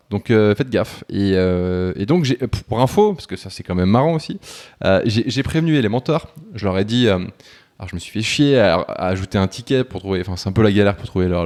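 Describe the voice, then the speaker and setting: A man's voice: lowish voice, darkish tone. A man talking casually to viewers while walking through a screen-share tutorial, chatty and informal, full of fillers and restarts. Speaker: YouTuber teaching web freelancing.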